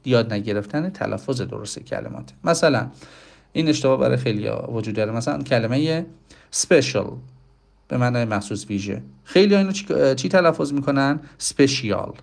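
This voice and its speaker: A man's voice: medium pitch, lively intonation, gravelly. Language teacher, male, Persian speaker, chatty explainer who asks questions and answers them himself. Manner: explanatory, talks directly to listeners with rhetorical questions. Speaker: English pronunciation teacher. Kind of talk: casual spoken lesson.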